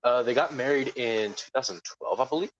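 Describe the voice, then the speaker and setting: A man co-hosting a casual podcast, laid-back, reading haltingly from a web page. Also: medium pitch, muffled recording. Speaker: podcast co-host.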